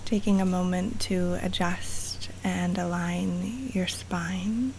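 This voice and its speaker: Very slow, soft breathy woman guiding relaxation. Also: on the low side, slight background noise, poor audio. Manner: calm, soothing, with long pauses. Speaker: yoga nidra teacher guiding a meditation. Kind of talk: guided relaxation meditation. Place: outdoors or open space in the jungle. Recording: live outdoor recording with jungle wildlife sounds. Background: faint jungle birds and insects.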